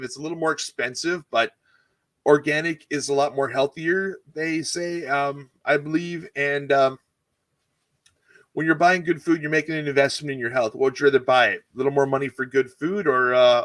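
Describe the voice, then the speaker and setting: A man's voice: mid-range voice, steady tone, normal speed, a bit bright, no room sound. A man, a culinary teacher, chatting casually in an interview, rambling and correcting himself as he explains recipes. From California. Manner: rambling, self-correcting, enthusiastic about food. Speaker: cooking channel guest, culinary teacher.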